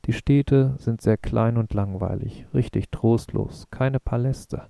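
Guy reading a brooding moon man pleading his case, super dark voice, dry sound. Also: mid-range voice, gravelly, no echo. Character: Schewek, a grave young man from the moon.

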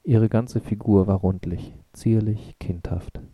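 A man reading an audiobook in a measured, even way. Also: on the low side, breathy edge, no room sound, highs cut off. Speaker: narrator. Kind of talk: audiobook narration.

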